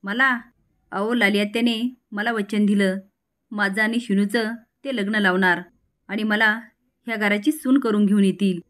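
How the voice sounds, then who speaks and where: A woman's voice: medium pitch, steady tone, measured pace, fairly bright tone, close to an everyday voice. A stubborn, obsessive young woman, voiced by a woman narrator in a family drama retelling. She answers back insistently and defiantly.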